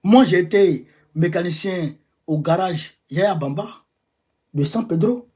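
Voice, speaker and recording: A man with an Ivorian French accent delivering an impassioned monologue, repeating himself emphatically and swinging between raised outbursts and low muttering. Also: takes it slowly, warm tone, breathy edge. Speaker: political commentator.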